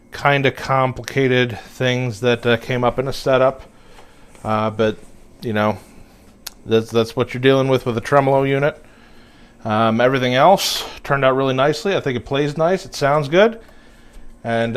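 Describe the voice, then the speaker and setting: A man's voice: mid-range voice, clear, resonant tone. A man working as a guitar repair technician, talking casually through a setup in his shop with plenty of fillers. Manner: relaxed, talks while working, filler-heavy. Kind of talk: casual workshop narration.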